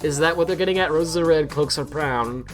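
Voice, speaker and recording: A man's voice: a little high, a little fast, soft background music. A man chatting casually on a live stream, rambling and mocking himself as he reads out memes, laughing often.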